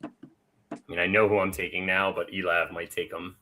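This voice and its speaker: A man's voice: sits low, little pitch movement, moderate pace, bright, forceful tone. A man co-hosting a live fantasy football draft, chatty and rambling with plenty of filler words. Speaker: fantasy football podcast co-host. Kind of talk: casual live draft chat.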